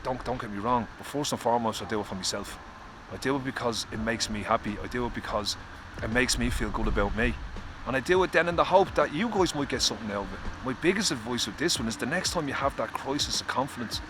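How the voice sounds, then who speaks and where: An Irish man talking earnestly and confessionally to camera outdoors in the cold, swearing casually, with faint traffic behind. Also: mid-range voice. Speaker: vlogger. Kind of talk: candid personal vlog.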